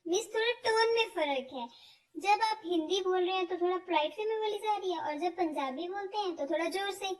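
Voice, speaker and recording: A woman teaching word lists, slowly repeating each word with stress. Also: very high voice. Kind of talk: explaining vocabulary, slow and repetitive. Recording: voice from far off the mic.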